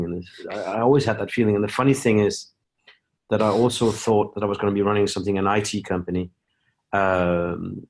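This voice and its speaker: A middle-aged man from Denmark, a company founder speaking as an interview guest, talking casually with frequent restarts and fillers. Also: fairly low pitch. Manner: halting, many restarts and fillers.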